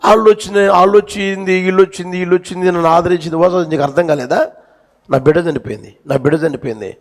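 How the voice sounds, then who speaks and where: A man's voice: sits high, fast talker, in a large hall, pitched above the performer's own voice, lightly acted. A man voicing a grieving young mother in a hospital ward as he tells the story in a sermon. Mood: anguished protest.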